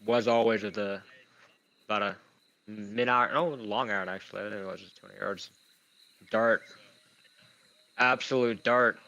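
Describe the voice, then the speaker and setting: A man's voice: lowish voice, fairly even intonation, normal speed, gravelly, long pauses, sharp tone, highs cut off. A young man who says w for r, giving casual, rambling, self-deprecating live commentary while he plays games. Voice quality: says w for r, speech impediment. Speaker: gamer commentating on own play.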